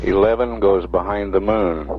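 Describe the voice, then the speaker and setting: Deep flat radio broadcast commentator. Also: male voice, slight background noise. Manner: measured, flat reading of figures and updates. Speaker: mission control commentator. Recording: muffled archival radio audio with music. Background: music playing over the voice.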